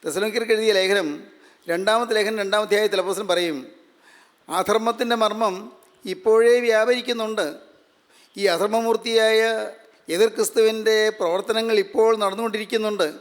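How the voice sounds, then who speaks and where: A man with a Malayali accent preaching a sermon, measured and repeating phrases for emphasis. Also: sits high, steady tone. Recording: long hall reverb.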